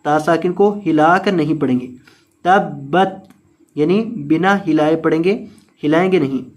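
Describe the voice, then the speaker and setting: A man's voice: on the high side, moderate pace. A man teaching tajweed, spelling out letters and vowel marks and repeating the words of the verse. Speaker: Quran teacher. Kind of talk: tajweed lesson with recitation.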